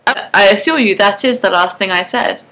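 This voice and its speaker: A woman's voice: mid-range voice, brisk, sharp tone, poor audio. A woman voicing a young male mysterious soulmate, earnest and a little exasperated, in her own natural voice.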